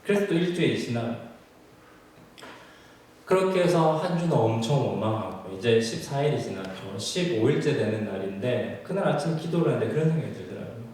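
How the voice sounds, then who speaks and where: A male pastor telling a personal story in a sermon, acting out his own past prayers with lively storytelling. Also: mid-range voice, a little fast. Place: church sanctuary. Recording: echoey church hall from far off.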